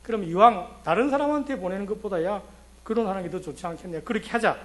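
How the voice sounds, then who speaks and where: A man's voice: high voice, quick pace, close to an everyday voice. A man acting out a scheming older uncle bargaining offhandedly in a sermon retelling. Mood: offhand. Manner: offhand, matter-of-fact bargaining.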